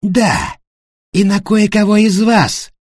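A man voicing an angry, resentful male hotel worker who shouts scornfully. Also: sits high, slow pace, dry recording, studio quality, voice pushed up. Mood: furious.

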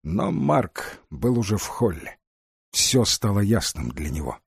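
Husky-voiced male audiobook narrator. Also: fairly low pitch, big pitch swings, a little slow, no room sound, clean studio sound. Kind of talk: scripted narration.

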